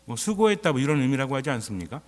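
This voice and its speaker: Priest preaching in a reverberant church. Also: male voice, medium pitch, very animated, rapid-fire. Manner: conversational preaching, quizzing the congregation. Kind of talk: sermon. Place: church before a congregation.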